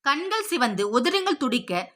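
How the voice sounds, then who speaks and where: A woman narrating a story in a steady, expressive, scripted storytelling voice. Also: sits high, measured pace. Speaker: audiobook narrator.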